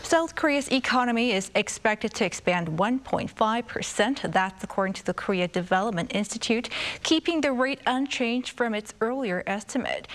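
A woman news anchor reading scripted headlines in a measured, formal delivery. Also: a little high.

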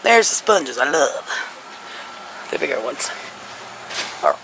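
Strolling through a large discount store with a handheld camera, a woman vlogger talks casually to her audience about what she sees. Her bass voice is sing-song, slow, and fairly bright, and the rough recording carries store ambience and background noise.

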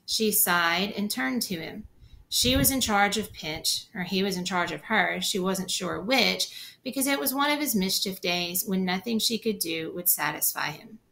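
A woman's voice: mid-range voice, animated, moderate pace, creaky, sharp tone, slight background noise. A woman reading a book chapter aloud, stopping now and then to explain the story in plain, chatty words. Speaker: reader.

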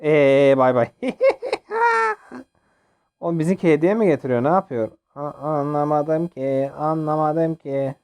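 Clean in tone, this young man's voice is on the high side, moving at a moderate pace with hardly any pauses. He runs a gaming channel and jokes casually while playing a mobile game, excitable and frequently yelping and laughing.

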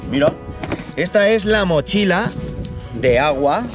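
A man in his forties with an accent from Spain, playfully presenting toys to children outdoors with drawn-out exclamations. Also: high voice, lively intonation. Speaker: host dad presenting toys with his kids. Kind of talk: playful toy unboxing and demo for children. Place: outdoors in a park. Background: music.

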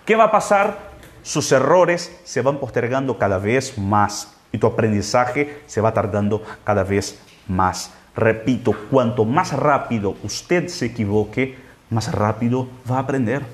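A man teaching Spanish in a live phone stream, explaining slowly and drawing out words to show how they sound. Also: mid-range voice, expressive. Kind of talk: live-streamed language lesson.

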